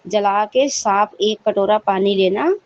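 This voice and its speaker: A woman's voice: mid-range voice, slow, highs cut off. A woman giving a devotional testimony, telling her story to the congregation, often addressing them as sangat ji and stopping to apologize and correct herself.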